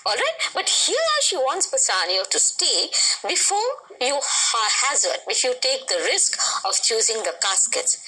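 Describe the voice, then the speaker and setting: A woman's voice: high voice, huge pitch swings, measured pace, pushed and bright, breathy edge, poor audio. A middle-aged woman teaching a literature lesson live on television, explaining patiently and reading quoted lines with expression.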